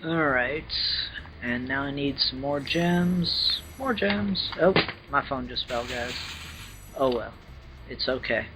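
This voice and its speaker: A man's voice: mid-range voice, slow pace, music in the background, low-quality recording. A young adult man hosting a let's play, giving casual, chatty gaming commentary.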